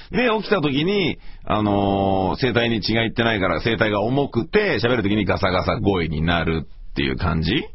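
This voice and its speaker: A middle-aged man with a hoarse, gravelly voice, rambling casually and self-deprecatingly as he hosts a solo radio talk. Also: mid-range voice, slight background noise. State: morning hoarseness after heavy talking. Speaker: radio show host and voice performer. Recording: slightly dull, lo-fi audio.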